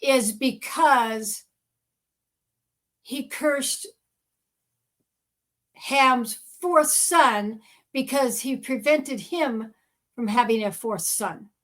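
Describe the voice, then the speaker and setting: A woman with a somewhat high voice co-hosts a casual podcast discussion. She argues her reading of the text with firm, opinionated emphasis, reasoning aloud as she goes. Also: drawn-out words, pauses often, fairly bright tone. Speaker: podcast co-host.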